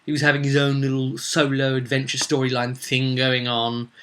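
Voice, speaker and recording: A man's voice: mid-range voice, monotone, normal speed, a bit bright, clean tone. A man talking as a game master in a casual storytelling vlog, with theatrical emphasis and rambling asides. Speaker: game master recapping a tabletop roleplaying campaign.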